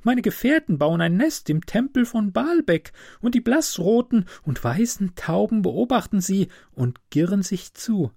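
A man's voice: high-pitched, sing-song, unhurried, vocal fry, few pauses, darkish tone, no echo, clean studio sound, pitched above the performer's own voice, full character voice. A man reading a storybook aloud and voicing a loyal, kind-hearted female swallow in a raised, pleading voice.

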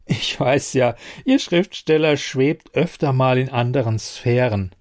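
A man's voice: medium pitch, measured pace, a little mellow, close to an everyday voice. A man voicing a chatty easygoing friend.

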